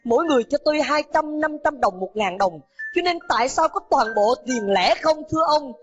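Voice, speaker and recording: A man's voice: extremely high pitch, animated, fairly quick, fairly bright tone. A man telling a moral story, voicing a poor, sick older mother who pleads through tears. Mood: tearful pleading. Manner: pleading, sobbing. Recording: dull lo-fi with background music.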